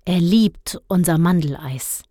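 A woman voicing a calm, polite male ice cream seller who speaks courteously. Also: on the low side, takes it slowly, dry recording, clean studio sound. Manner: courteous, soothing.

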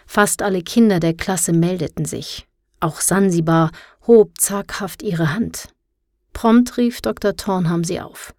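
Low-voiced woman reading a story. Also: unhurried, darkish tone, dry recording, studio quality. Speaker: narrator. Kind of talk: audiobook narration.

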